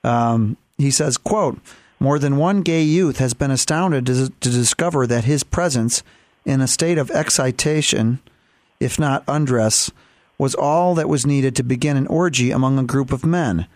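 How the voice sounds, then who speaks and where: Halting male talk-show host, dry sound. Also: mid-range voice, a little mellow, no room sound. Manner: halting, many fillers and restarts.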